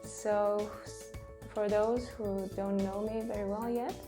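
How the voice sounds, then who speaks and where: A woman who speaks natively, talking gently and thoughtfully with frequent pauses in a casual vlog from her home studio. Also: medium pitch, level tone, music in the background. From Estonia. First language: Estonian. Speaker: children's book illustrator.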